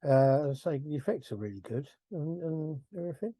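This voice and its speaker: A man's voice: on the high side, animated, a little fast, dark tone, no echo. A middle-aged man hosting a casual film review podcast, rambling, chuckling and correcting himself as he goes. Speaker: podcast host.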